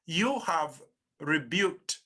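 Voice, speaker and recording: A man interviewing a guest, asking long, deliberately framed questions. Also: a little high, expressive, pushed and bright, slightly rough.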